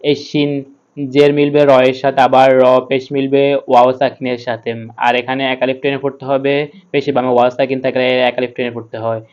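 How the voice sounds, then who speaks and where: Man, Quran reading teacher, spells out letters one by one, smooth clear voice, flat even tone. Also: medium pitch, dull audio. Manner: spells out letters slowly, then chants the word. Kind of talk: step-by-step recitation lesson.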